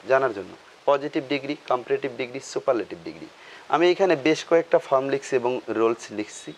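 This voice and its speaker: A man teaching a grammar lesson, asking questions and answering them himself, repeating key terms. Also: mid-range voice.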